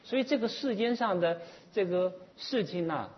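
Lively man giving a Buddhist dharma talk. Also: high-pitched, muffled recording. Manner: animated storytelling, frequent drawn-out particles. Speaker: Buddhist teacher.

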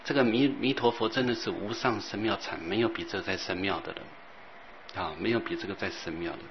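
A man teaching as a Buddhist master, rambling and repeating himself, sometimes chanting softly. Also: on the low side, fast. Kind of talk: dharma talk. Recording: dull lo-fi recording with faint hiss.

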